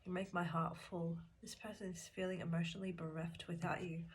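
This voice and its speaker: Speaking fairly quickly in a rather low voice, an Australian woman offers a pick-a-card tarot reading, addressing the viewer directly with calm sincerity. A cold makes her voice drop in and out, while shuffling cards, clicks and other loud noise sound behind her.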